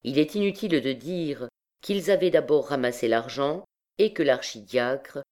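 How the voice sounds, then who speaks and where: A woman's voice: rumbling low, expressive, normal speed, darkish tone. Woman reading a classic novel. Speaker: audiobook narrator. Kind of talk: classic novel audiobook narration.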